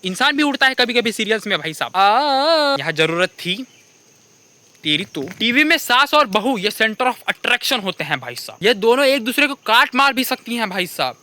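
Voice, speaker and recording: A young man with an Indian accent riffs through a comic rant in a high, very bright voice. His delivery is animated, and he keeps dropping the same catchphrase address. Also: brisk, hardly any pauses. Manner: animated, keeps repeating "bhai sahab". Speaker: comedy creator.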